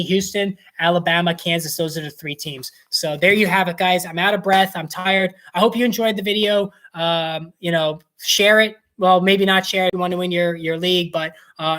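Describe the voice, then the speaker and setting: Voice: mid-range voice, fairly bright tone. A host talking through tournament predictions in a casual monologue, rambling with lots of fillers and restarts, and confident in the picks. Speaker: sports bracket analyst host.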